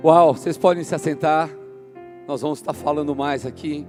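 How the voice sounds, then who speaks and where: A man's voice: on the high side, steady tone, moderate pace, a little mellow, soft background music. A man in his fifties, a pastor from Brazil, preaching a fervent, casual sermon in a large church hall. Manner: fervent, casual, says "cara" a lot. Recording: long hall reverb.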